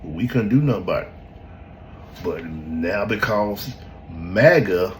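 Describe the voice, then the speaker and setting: A man's voice: low voice, animated, slow pace, a little hiss or hum, poor audio. A man hosting a podcast, talking in a blunt and emphatic way with casual swearing, giving his opinion in a loose, unscripted chat. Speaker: podcast host. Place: at home in front of a laptop.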